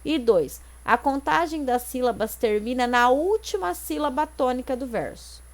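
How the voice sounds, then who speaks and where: A woman's voice: sits high, animated, moderate pace. A Brazilian woman teacher explaining exercises step by step in an online lesson, with frequent tag questions to check that her students follow. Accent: Brazilian Portuguese. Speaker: Portuguese teacher.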